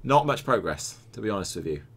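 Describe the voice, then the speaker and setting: Brief: Scottish male streamer-commentator, bright bouncy delivery, cheeky and profane. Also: on the low side, big pitch swings, fairly quick. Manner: joking, swearing, chatting to viewers between play-by-play. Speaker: game streamer and tournament commentator.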